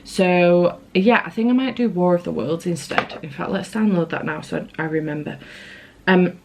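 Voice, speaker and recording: A woman's voice: on the low side, moderate pace, noisy background. A British woman chatting casually to camera as a book vlogger, rambling along with self-aware asides.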